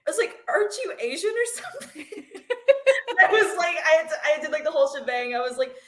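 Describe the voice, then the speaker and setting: Higher-voiced giggly woman guest, roomy sound. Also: lively intonation, fairly quick. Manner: chatty, giggly, lots of fillers. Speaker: podcast guest. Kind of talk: casual chat. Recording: roomy echo.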